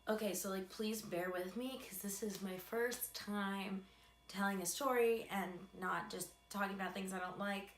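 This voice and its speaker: A woman's voice: medium pitch, steady tone, moderate pace. Chatty young American woman, echoey room. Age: young adult. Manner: chatty, self-deprecating, dry asides. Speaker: video creator telling a personal story. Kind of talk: casual storytime monologue. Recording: echoey room with faint background hum.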